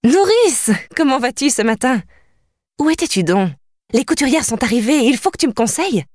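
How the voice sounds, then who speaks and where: A woman voicing an excitable sixteen-year-old princess, eager and high-spirited, in an audiobook. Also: normal speed, no room sound, studio quality. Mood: excited.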